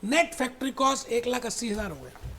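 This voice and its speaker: A man teaching an accounting lecture, who explains through animated storytelling, repeats his points and addresses students fondly as "beta". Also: very high-pitched, fairly quick, a little hiss or hum. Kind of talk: recorded classroom lecture.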